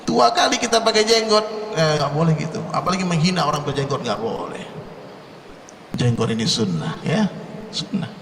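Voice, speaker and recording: Male preacher, from indonesia, joking with the crowd, rhythmic repetition, slightly high voice, faint room ambience. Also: very animated, moderate pace, fairly bright tone, reverberant, big-room sound, recorded from a distance, slight background noise. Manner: jokey, addresses the crowd directly, rhythmic repetition. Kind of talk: humorous religious talk to a congregation.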